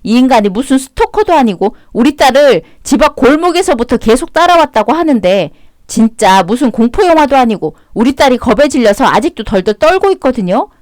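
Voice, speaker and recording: A woman's voice: high voice, very animated, a little fast, a little mellow, no echo. A woman acting out a radio drama as the wife, speaking in a cool, blunt and sarcastic way. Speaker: voice actor narrating and playing the wife.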